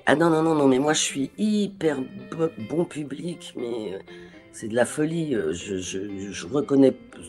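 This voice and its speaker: Animated, hesitant French voice actress. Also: female voice, extremely low pitch, measured pace, faint music behind. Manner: animated, acts out remembered dialogue; hesitant, with frequent restarts. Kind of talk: interview conversation.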